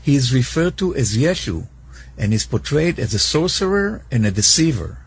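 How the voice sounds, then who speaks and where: A man from Israel giving a prepared monologue in a played video clip, measured and reading out passages. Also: mid-range voice, very animated, slightly rough.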